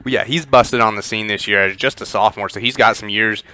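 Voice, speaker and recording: A man giving conversational pregame football commentary, with lots of filler words and animated storytelling. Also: lowish voice, fast talker, clear, resonant tone. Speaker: sports commentator.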